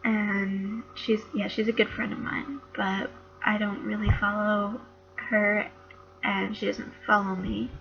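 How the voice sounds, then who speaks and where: Young woman, gravelly, hesitant, lo-fi. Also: medium pitch, little pitch movement, slow, soft background music. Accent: slight Northeastern US. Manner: hesitant, with many fillers. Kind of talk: casual home audio post and storybook reading. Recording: dull lo-fi home recording.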